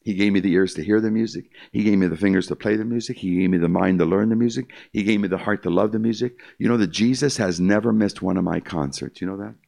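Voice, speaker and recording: Speaking fast with hardly any pauses, the same older concert pianist gives his testimony to a live crowd, emphatic and repetitive, calling each listener "my friend." His tone is low, gravelly and somewhat dark.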